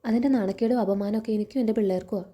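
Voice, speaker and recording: A woman's voice: medium pitch, fairly even intonation, racing, mellow, lightly acted. A woman reading the lines of a domineering, wealthy middle-aged lady of the house in a scornful, scolding way.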